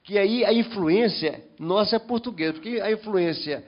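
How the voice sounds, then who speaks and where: A man's voice: sits high, moderate pace, muffled recording. A man from the Brazilian Northeast on a panel, commenting at length and restarting his sentences often. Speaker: panel member. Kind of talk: panel discussion.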